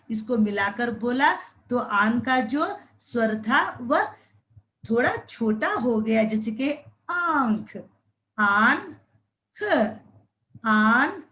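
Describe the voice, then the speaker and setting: A woman leads young children through a phonics lesson at an exceptionally slow pace. She draws out each syllable and says every word several times over, and her voice sits a little above the usual pitch. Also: a bit bright. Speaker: primary school Hindi teacher.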